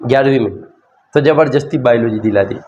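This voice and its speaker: A man's voice: mid-range voice, fast, a little mellow, highs cut off, slight background noise. Hindi-accented man teaching sociology. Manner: repeats key terms, asks and answers his own questions. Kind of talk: classroom lecture.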